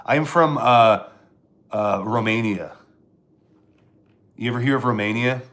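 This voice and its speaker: A man's voice: medium pitch, measured pace, fairly bright tone. A man from Pennsylvania, a stand-up comedian, rambling sarcastically in a casual live stream while answering chat, with frequent restarts.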